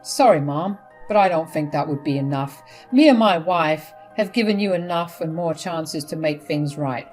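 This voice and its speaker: A fed-up adult son speaks bluntly and firmly, as a woman narrator voices him. He sounds steady and unyielding, with faint music under the reading. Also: deep voice, normal speed, few pauses. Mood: firm angry. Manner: blunt and firm.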